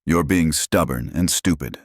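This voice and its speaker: A man's voice: very deep voice, unhurried, breathy edge, no echo, exaggerated voice. A man voicing a pushy, resentful grown daughter who pressures her father, in a dry close recording. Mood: pushy, upset. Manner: insistent, pressuring.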